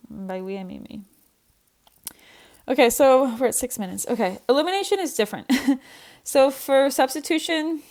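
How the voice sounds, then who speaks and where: Chatty young woman teaching math, gravelly edge. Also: fairly high pitch. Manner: chatty and self-deprecating, thinking aloud. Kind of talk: recorded online math lesson.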